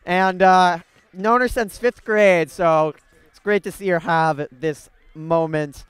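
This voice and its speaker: A young man with a high-pitched, smooth voice speaks slowly while doing live, chatty sports commentary from a stadium set, bantering with guests. He uses a handheld broadcast mic, and the recording is dry.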